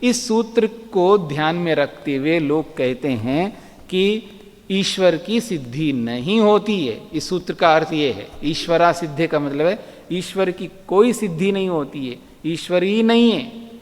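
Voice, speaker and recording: Slow, lively-voiced man teaching in a hall. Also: fairly high pitch. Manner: patient, repeats words slowly for students. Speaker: Vedic philosophy teacher. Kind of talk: classroom lecture. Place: ashram lecture hall. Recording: long hall reverb.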